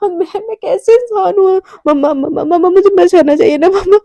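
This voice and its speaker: A woman's voice: extremely high pitch, fairly even intonation, moderate pace, dark tone, dry recording. A woman playing a sobbing, stammering young woman. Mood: sobbing, pleading. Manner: stammering, pleading through sobs. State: crying.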